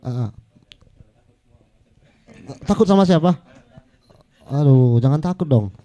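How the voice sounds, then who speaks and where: A man's voice: on the high side, lively intonation, slow, dark tone. A man moderating a live book talk, coaxing the audience to ask questions and hesitating with fillers.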